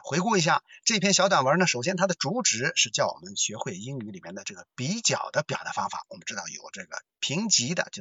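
A man teaching an English lesson with a Mandarin Chinese accent, chatting in a lively way and joking about himself. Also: mid-range voice, breathy edge, no room sound. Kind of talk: lecture-style English lesson.

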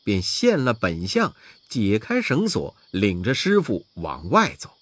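A man narrating a children's story in an expressive, dramatic storytelling manner. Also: fairly low pitch, unhurried, breathy edge, no room sound.

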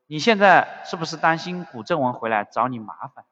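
A man's voice: fairly high pitch, expressive, a little fast, fairly bright tone. A man voicing a composed young male undercover officer who answers tersely and evasively, on a dull recording with a long reverb. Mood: guarded.

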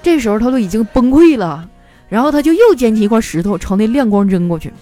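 A woman's voice: fairly high pitch, fast talker, faint music behind. A woman hosting a comedy podcast, reading out listeners' jokes with frequent laughter. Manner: laughs often while reading, lively. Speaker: host reading joke submissions. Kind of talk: comic storytelling podcast.

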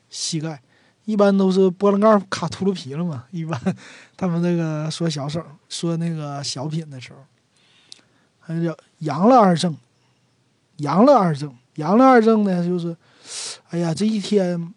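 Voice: mid-range voice, no room sound, studio quality. A speaker from Northeast China with a Northeastern Mandarin accent, casually explaining local dialect words and acting out example lines. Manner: explains slowly, then acts out example lines in a lively voice. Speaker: dialect teacher.

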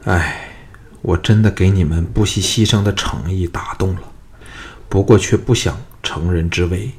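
A shrewd young hero talks in a calm, sincere way with a teasing edge, as the narrator plays him. His voice is deep and unhurried, and he reasons patiently. He is a leading man from a spoken storybook. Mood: earnest.

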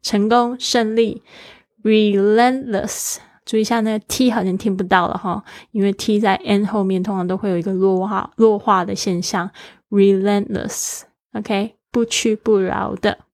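A woman's voice: medium pitch, steady tone, a little fast, vocal fry, hardly any pauses, dry recording, studio quality. A woman teaching a daily English lesson, spelling words letter by letter in an encouraging way.

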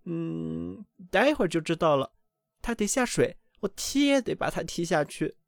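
A man voicing a doting, fussy mother duck in a storybook reading, with a high, excited, scolding voice. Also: normal speed, creaky, no room sound. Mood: proud.

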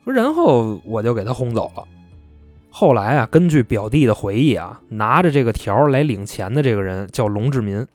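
A man's voice: medium pitch, very animated, normal speed, a little mellow, no room sound, faint music behind. A man casually telling a true-crime story in a chatty, colloquial way.

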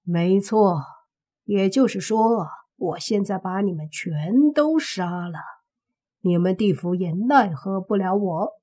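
A woman voicing an arrogant young male vampire zombie with a slow, drawling, smug delivery. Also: mid-range voice, lively intonation, mellow.

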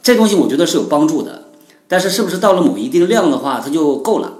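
A male podcast host chatting casually and joking around. He talks fast in a slightly raised voice, and the room has an echo. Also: on the high side, lively intonation, darkish tone. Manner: chatty, jokey, frequent short backchannels. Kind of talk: casual conversation.

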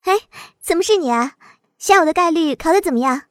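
A woman's voice: very high voice, expressive, a little fast, dry recording, clean studio sound. A woman voicing a sincere, bewildered young female student in an audiobook. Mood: surprised. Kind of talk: audiobook dialogue acting.

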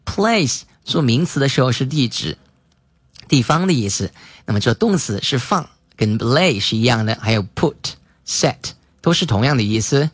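A man giving a bilingual English lesson, moving between brisk explanation and slow, carefully paced readings of example sentences. He spells words out letter by letter. His voice sits in a middle register, recorded close and dry. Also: medium pitch, lively intonation, slightly rough, dry recording. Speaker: English teacher.

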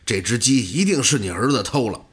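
A man's voice: mid-range voice, expressive, a little fast, slightly rough. A man voicing a blunt village neighbor who brusquely accuses someone. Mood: accusing.

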